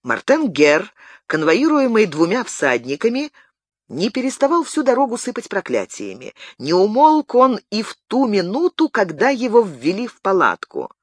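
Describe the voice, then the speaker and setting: A man narrating an audiobook in an expressive storytelling manner. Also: high voice, moderate pace, dry recording, clean studio sound. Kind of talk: scripted narration.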